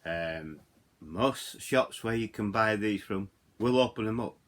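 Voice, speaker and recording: Speaking a little slowly in a low voice with a Yorkshire English accent, a middle-aged hobbyist radio reviewer from Yorkshire, England, gives a casual hands-on walkthrough of a product. He drifts into digressions, rambles and keeps returning to points he has already made.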